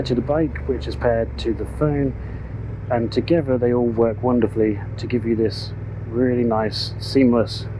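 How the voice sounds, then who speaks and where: A man talks casually from the saddle, correcting himself as he goes. His voice sits at an ordinary middle pitch and comes through a helmet headset. Steady road and engine noise runs underneath. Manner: casual, chatty, self-correcting. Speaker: motorcycle reviewer. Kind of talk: ride-along review talk. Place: on a motorcycle on country roads, outdoors. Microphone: helmet headset mic. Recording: road noise from a moving motorcycle. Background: road and vehicle noise.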